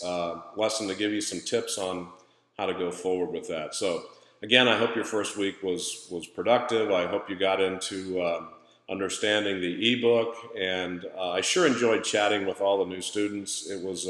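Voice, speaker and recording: A man giving an informal recorded lesson recap as an instructor, conversational and halting, with a hallway echo from an empty room. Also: low-pitched, a bit bright. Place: empty room in a new place, indoors. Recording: echoey empty room, long reverb.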